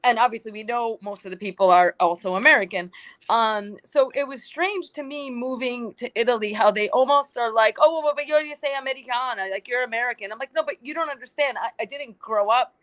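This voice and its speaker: Young woman from new york, chatty and animated, roundtable podcast guest. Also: fairly high pitch, fairly quick. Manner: chatty, animated storytelling with quoted asides. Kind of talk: casual roundtable chat.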